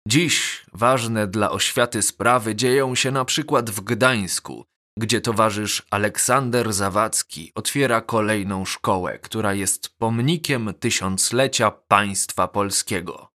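A man doing a bass-voiced school principal's speech. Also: slow pace, few pauses, bright, forceful tone. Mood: solemn. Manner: formal speechmaking, official address. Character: huge bull-like male school principal, booming bass.

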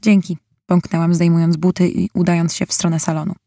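A woman's voice: on the low side, little pitch movement, fast, mellow, dry recording, studio quality. A young woman narrating a novel in the first person, in an emotional, bitter way. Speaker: audiobook narrator.

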